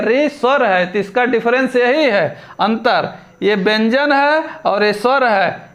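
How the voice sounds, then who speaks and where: A man teaching a spelling lesson for exam prep. He asks quiz questions, answers them himself, and repeats each word deliberately. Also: very high voice, fairly bright tone. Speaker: Hindi grammar teacher.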